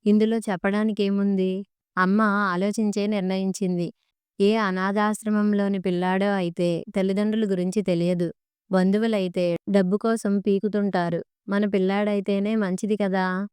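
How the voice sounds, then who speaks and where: A woman's voice: mid-range voice, little pitch movement, moderate pace, a little mellow, clear, resonant tone, dry recording, natural voice. A woman voicing a cold young husband in a storybook reading, speaking curtly and dismissively.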